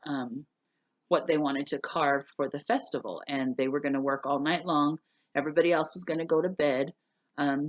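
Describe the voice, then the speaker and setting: A woman teacher with a deep voice casually recaps a class novel and reads it aloud to her students, explaining things simply. The recording has no echo.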